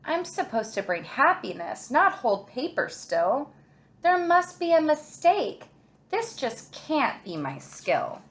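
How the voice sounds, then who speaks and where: Woman voicing an earnest little storybook stone, slow-spoken. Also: sits high, sing-song, voice pushed up, exaggerated voice. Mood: dismayed. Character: small earnest hopeful stone who wants to help.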